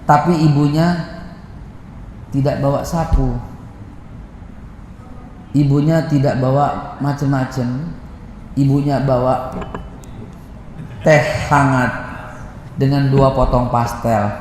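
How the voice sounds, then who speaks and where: A middle-aged man with a Jakarta accent preaching a sermon as a lively storyteller who acts out voices and swings from loud to hushed. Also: mid-range voice, slow pace, long pauses, slight background noise. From Indonesia. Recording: echoey hall with long reverb.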